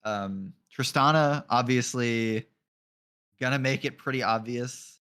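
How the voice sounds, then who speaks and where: A man doing color commentary on a live esports draft. He sounds relaxed and joking, laughs easily and lets the odd swear slip. His voice sits at an ordinary mid pitch. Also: slow, clean tone. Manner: casual and joking, laughs often, swears offhandedly.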